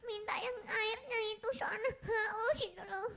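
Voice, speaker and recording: A woman's voice: steady tone, a little slow, gravelly, over a noisy crowd, exaggerated voice. A woman voicing a cheeky little girl doll, answering back boldly and whining when upset. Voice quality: squeaky, childlike. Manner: bold backtalk, whines when complaining. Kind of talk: ventriloquist comedy act.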